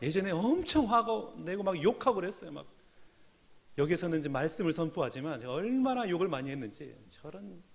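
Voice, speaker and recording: Middle-aged man, senior pastor mid-sermon, very high and animated voice, passionate, moving between loud calls and hushed asides. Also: fairly quick, gravelly. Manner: passionate preaching, swings from loud exhortation to quiet asides. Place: church sanctuary.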